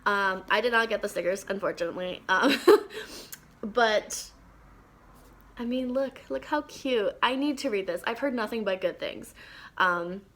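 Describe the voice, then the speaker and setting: A woman's voice: mid-range voice, unhurried, pauses often, fairly bright tone. Chatty young woman gushing about books. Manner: chatty, enthusiastic, frequent ums and laughs. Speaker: book vlogger. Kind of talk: casual book recommendation vlog.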